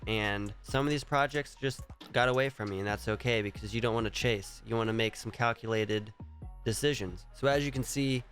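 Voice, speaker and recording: Congested and stuffy from a cold, a crypto vlogger casually talks through projects on his screen, rambling and thinking aloud as he goes. His voice is lowish with a fairly bright tone.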